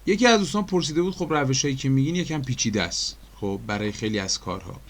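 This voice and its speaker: Speaking to his audience as dear friends, a man with an Iranian Persian accent talks through a screen-recorded animation tutorial one step at a time. His mid-range voice has lively intonation, and he fills it with frequent fillers and questions to viewers.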